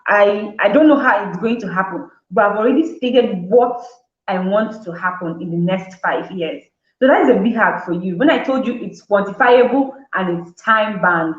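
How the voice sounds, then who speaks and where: A woman's voice: medium pitch, moderate pace. A woman hosting a talk show, explaining in a casual, chatty way, often acting out listeners' amazed reactions and restarting her words. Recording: roomy, dull lo-fi sound.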